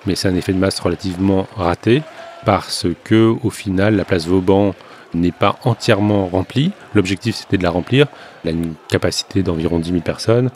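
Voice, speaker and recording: A male political journalist giving measured, analytical news commentary with frequent hesitations. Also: low voice, darkish tone, slight background noise.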